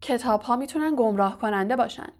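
A woman voicing a vain, evasive male wizard professor who is a fraud, smooth and condescending. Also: on the high side, a little mellow, natural voice. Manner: smooth, self-justifying, condescending.

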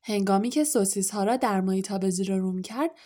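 A woman reading a storybook aloud as narrator in a calm, even manner. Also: mid-range voice. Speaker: audiobook narrator.

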